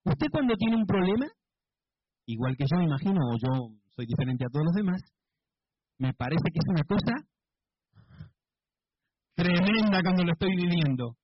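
A man from preaching a sermon, animated and full of rhetorical questions to the congregation, on a dull, dry, lo-fi recording. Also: high voice, moderate pace, pauses often, slightly rough, no room sound.

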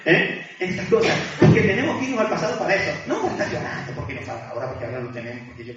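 A high-voiced man preaching a chatty, conversational sermon, forever checking in with his listeners through tag questions and easy laughs. He is heard from far off in a very echoey church hall, and the sound comes through dull and muffled. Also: very animated, racing.

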